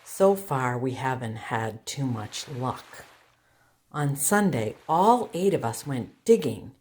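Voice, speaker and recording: A woman with a very deep voice reads a children's picture book aloud, taking on the role of a storytime teacher. Her phrasing is expressive and deliberate, aimed at young listeners.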